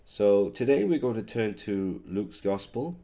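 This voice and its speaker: A pastor delivers a sermon in a somewhat low, mellow voice still hoarse from a recent cold, animated but halting and full of "uh"s. He slows down when praying or reading scripture aloud.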